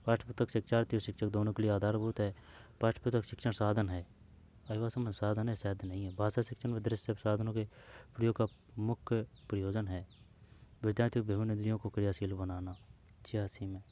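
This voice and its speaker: An exam prep teacher goes through old exam questions aloud, talking informally to the listener and repeating the answer options as he checks them. His voice is low-ish and dark, with a level tone, and he speaks fast.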